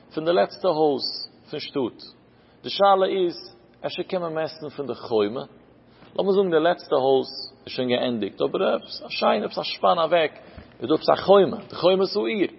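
A man's voice: fairly high pitch, gravelly, slightly rough. A man giving a Talmud lecture, explaining step by step and asking and answering his own questions. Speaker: Talmud teacher. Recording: lo-fi recording with long hall reverb.

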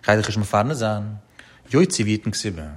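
A man giving a Talmud study lecture in a rapid, chanting delivery with frequent rises and falls. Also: on the low side, animated. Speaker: Talmud teacher.

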